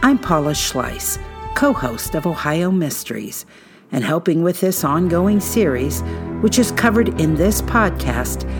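A woman hosting a podcast, narrating a true-crime script in a suspenseful, measured storytelling manner with dramatic pauses. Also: sits low.

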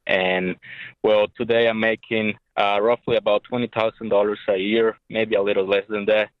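Young male caller heard over the phone, halting delivery, dry muffled line. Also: on the low side, flat delivery, no echo. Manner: hesitant, many pauses and filler sounds. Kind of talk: call-in advice show. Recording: dull lo-fi phone sound.

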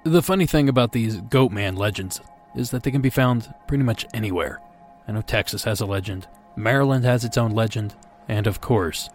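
A man hosting a podcast with scripted, measured but conversational delivery. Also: on the low side. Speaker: podcast host. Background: faint music.

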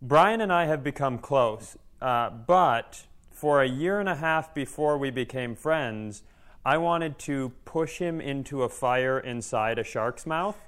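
A stand-up comedian co-hosting a podcast spins casual stories, poking fun at himself as he jokes along. He speaks a little slowly in a medium-pitched, slightly bright voice.

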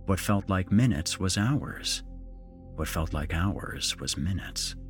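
A man narrating a scripted horror story in a slow, dramatic, measured way. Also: sits low.

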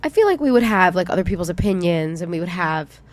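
A woman's voice: lowish voice, animated, quick pace. A woman co-hosting a podcast in casual chat, her voice stuffed up by a bad cold. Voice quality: congested, stuffy nose. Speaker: podcast co-host.

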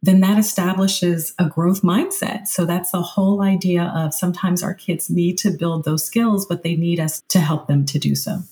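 A woman guest on a podcast, talking in an animated, conversational way, laughing often and speaking to listeners as friends. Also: fairly low pitch, moderate pace, hardly any pauses, poor audio. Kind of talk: conversational storytelling.

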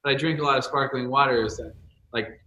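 A man's voice: mid-range voice, fairly even intonation, brisk, bright, forceful tone, reverberant, lo-fi sound. A husband telling joking stories about his wife in casual chat. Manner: joking, storytelling, laughs a lot. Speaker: interview guest, husband.

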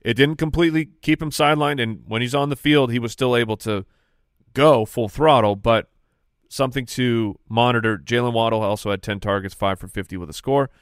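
A man's voice: medium pitch, a little fast, smooth, no room sound, studio quality. A man co-hosting a fantasy football podcast in casual banter, reeling off player stats. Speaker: podcast co-host. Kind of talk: casual sports chat.

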